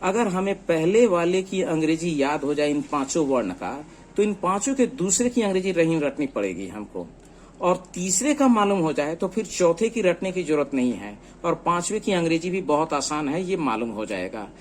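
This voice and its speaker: A man teaching a beginner English lesson, slowly spelling out letters one at a time. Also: on the high side, big pitch swings, slight background noise. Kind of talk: screen-based lesson explaining letters.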